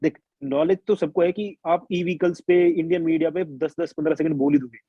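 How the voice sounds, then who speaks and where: A man's voice: on the high side, fairly even intonation, fairly quick, breathy edge, no echo, highs cut off. A young man from India telling his exam experiences in a chatty, colloquial way, full of restarts and quoted asides. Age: young adult. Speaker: interviewee sharing exam experience. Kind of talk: casual conversational storytelling.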